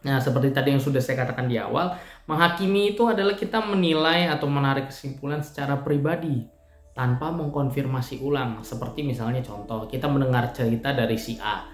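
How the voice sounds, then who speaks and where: A man speaks at a middle pitch, giving a relaxed evening devotional in a church. His talk is conversational and full of homely examples. The room rings with echo, and soft music plays underneath. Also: brisk. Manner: conversational, explaining with everyday examples and fillers. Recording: echoey room with faint music.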